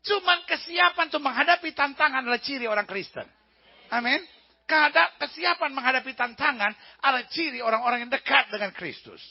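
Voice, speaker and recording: A man preaching a humorous sermon as pastor, telling lively stories and mimicking regional voices of the people in them. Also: very high-pitched, brisk, vocal fry, slightly rough. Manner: animated storytelling, mimics regional accents and characters. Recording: dull lo-fi sermon recording.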